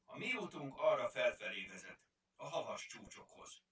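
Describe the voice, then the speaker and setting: A man voicing a kind, brave young girl in a storybook, speaking gently and earnestly. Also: mid-range voice, big pitch swings, voice pushed up. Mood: determined. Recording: roomy, distant mic.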